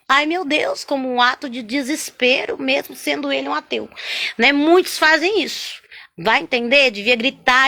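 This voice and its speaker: A woman sharing a spoken religious testimony, chatty and animated, constantly tagging her sentences with little questions to the listener. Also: on the high side. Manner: chatty, constant "né?" and "sabe?" tags; animated, swings between loud and hushed.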